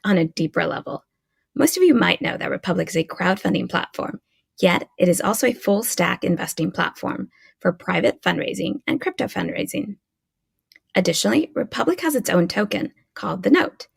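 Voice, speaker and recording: A woman's voice: on the low side, gravelly, slightly rough. A woman hosting an interview podcast, reading an upbeat scripted intro and then chatting with her guest. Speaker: podcast host.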